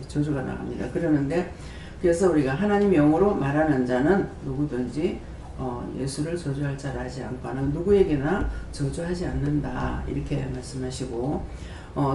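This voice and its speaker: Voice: mid-range voice, dark tone, slight background noise. A prayer house director preaching a sermon in a conversational way, asking the congregation questions and quoting scripture. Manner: quotes scripture and acts out dialogue. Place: prayer house church hall. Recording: roomy hall sound from a distance.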